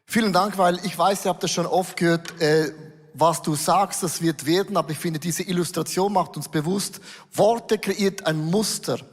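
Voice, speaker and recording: A man preaching as pastor, lively and conversational, putting questions to the congregation and reading scripture. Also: high-pitched, normal speed. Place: church stage before a congregation. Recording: echoey hall reverb.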